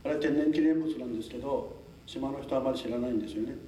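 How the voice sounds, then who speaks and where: A man's voice: medium pitch, racing, warm tone, slight background noise. An older man from a southern Japanese island giving a formal talk to a local audience, polite and chatty, with frequent chuckles and asides. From Tokunoshima, Amami Islands, Japan. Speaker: lecturer. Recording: echoey hall, mic at a distance.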